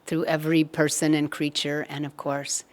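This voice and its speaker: A woman giving a spiritual satsang talk, telling a story in a gentle, measured way. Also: deep voice, level tone. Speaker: satsang speaker.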